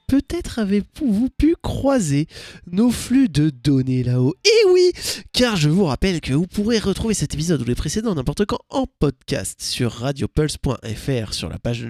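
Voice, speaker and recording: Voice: mid-range voice, darkish tone, dry recording, clean studio sound. A radio host wrapping up a show in a chatty, self-mocking way, with playful asides. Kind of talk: casual radio show outro.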